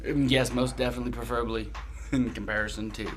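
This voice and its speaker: A man's voice: mid-range voice, fast, heavy background noise. A man telling crude stories in casual, sweary banter, getting drunk on beer. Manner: crude joking, animated. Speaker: tattoo artist, podcast guest. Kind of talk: casual, profane storytelling banter.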